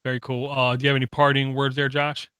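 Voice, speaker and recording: A man's voice: medium pitch, fast, smooth, no echo, clean studio sound. A man hosting a tech podcast, wrapping up the show in a casual tone with a lot of "uh" fillers. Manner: steady, many "uh" fillers, reads out contact details. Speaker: podcast host. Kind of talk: casual sign-off chat.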